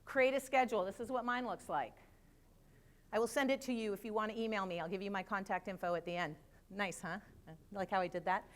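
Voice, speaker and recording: A middle-aged woman giving a live conference talk, lively and chatty with joking asides. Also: medium pitch, brisk. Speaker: conference speaker. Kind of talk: live presentation to an audience.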